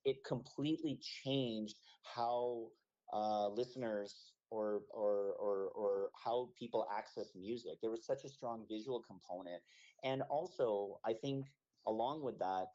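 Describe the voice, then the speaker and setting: A man's voice: lowish voice, a little slow, mellow. A man in his thirties from Canada, a musician being interviewed on the radio, talking thoughtfully with many fillers and restarts. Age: 30s. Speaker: musician guest. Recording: dull lo-fi radio audio.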